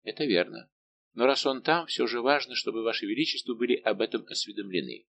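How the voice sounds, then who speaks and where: A man reading an audiobook, voicing a middle-aged musketeer captain who answers calmly, respectfully and without yielding. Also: medium pitch, a little fast, creaky. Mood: calm defiant. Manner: calm, steady, respectful but unbending.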